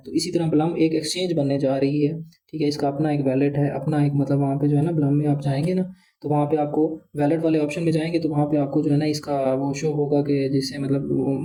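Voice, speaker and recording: A man's voice: a little high, mellow, rough recording. A man casually walks viewers through an app, rambling and leaning on filler phrases. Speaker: crypto channel host. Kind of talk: casual explainer walkthrough.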